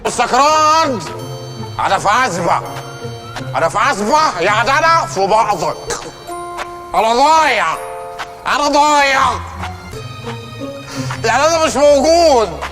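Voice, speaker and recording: A man's voice: extremely high pitch, big pitch swings, moderate pace, pauses often, music in the background. An actor with an Egyptian accent playing a lost, wailing drunk man from a film. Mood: despairing. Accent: Egyptian Arabic. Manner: shouting despairingly.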